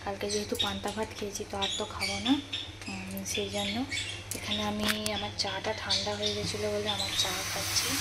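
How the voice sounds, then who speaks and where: A woman's voice: mid-range voice, monotone, fairly quick. A young woman, chatting casually through a family vlog as she walks through what she is cooking. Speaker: family vlogger. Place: home kitchen. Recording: loud frying noise behind. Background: sizzling pans and stirring.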